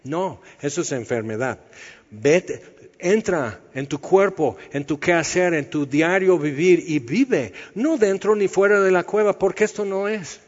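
A man's voice: high-pitched, unhurried. A man preaching a sermon, teaching in a conversational, explanatory way. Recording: dull sound with long hall reverb.

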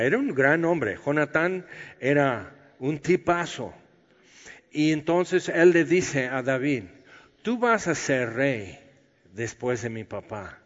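Man preaching in a reverberant hall. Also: mid-range voice. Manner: conversational, explains scripture, acts out dialogue. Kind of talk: sermon. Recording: dull, long-reverb hall sound.

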